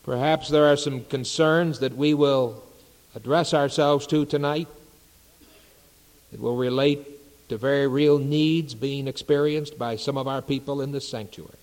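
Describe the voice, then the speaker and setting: Slow, measured preacher in a big echoing sanctuary. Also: male voice, medium pitch, steady tone, darkish tone. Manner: unhurried, measured preaching with reverent pauses. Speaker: pastor. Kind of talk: sermon. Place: church sanctuary. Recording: long reverb of a large sanctuary.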